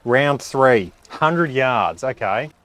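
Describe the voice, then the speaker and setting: A man's voice: mid-range voice, animated, very slow, background noise. A man giving a casual hands-on review, chatting and reacting aloud as he plays. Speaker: product reviewer.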